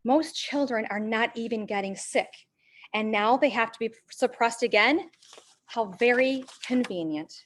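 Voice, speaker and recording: A woman who is a parent and a teacher, reading a prepared public comment and slowing to stress key words. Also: fairly high pitch, slight background noise. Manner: measured, stresses key words, slows for emphasis.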